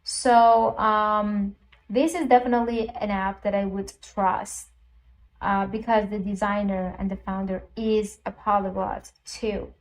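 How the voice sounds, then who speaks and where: A mid-range, fairly even voice moves at a measured pace through a rough recording. The speaker, a Persian-native language teacher, casually walks viewers through an app in a screen recording, explaining each step with lots of ums and uhs.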